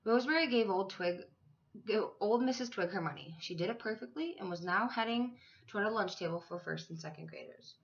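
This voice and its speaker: A school teacher reads a children's storybook aloud to her third graders, briskly and expressively, in a medium-pitched voice. The audio sounds dull.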